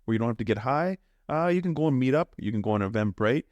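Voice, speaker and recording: A man's voice: medium pitch, expressive, quick pace, darkish tone, dry recording, muffled recording. A man co-hosting a podcast, summing up the episode in an upbeat, motivational way. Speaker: podcast co-host. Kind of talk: podcast recap.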